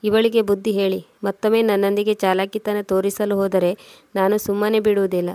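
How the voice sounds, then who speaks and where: Defiant young wife, scolding; woman narrator doing her, flat delivery, dry sound. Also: medium pitch, a little fast, no room sound, lightly acted. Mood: angry. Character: sharp-tongued young wife, defiant and quarrelsome.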